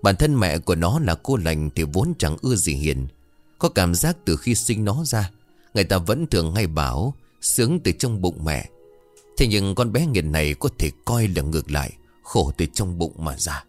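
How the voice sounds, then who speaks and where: A man narrating a ghost story in an expressive, dramatic reading style. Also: deep voice, moderate pace, faint music behind.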